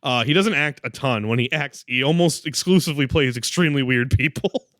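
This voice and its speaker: A man co-hosting a podcast who chimes in with quick agreement and laughs while chatting casually about a film. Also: medium pitch, fairly bright tone, dry recording, clean studio sound. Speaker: podcast co-host.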